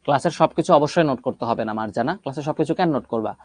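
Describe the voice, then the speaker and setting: A man's voice: mid-range voice, racing, no room sound. A man teaching an English grammar class online, explaining step by step and asking and answering his own questions.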